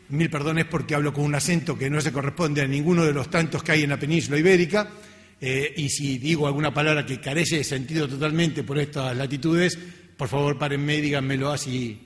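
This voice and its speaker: Speaking fairly quickly with fairly high pitch and fairly even intonation, a middle-aged Latin American-accented man gives a casual academic lecture. He's a research scientist, conversational and self-deprecating, recorded in a reverberant lecture hall.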